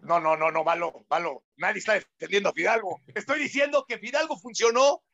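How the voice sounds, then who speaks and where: A man's voice: high-pitched, brisk, vocal fry, sharp tone, lo-fi sound. A man arguing as a sports pundit in a heated studio debate, insistently repeating his points.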